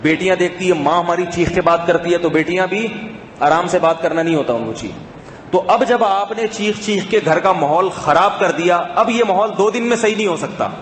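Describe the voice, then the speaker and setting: Male preacher, slightly high voice, emphatic then hushed, recorded in an echoey mosque with faint noise. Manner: swings between raised emphatic calls and hushed soft asides. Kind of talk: mosque sermon.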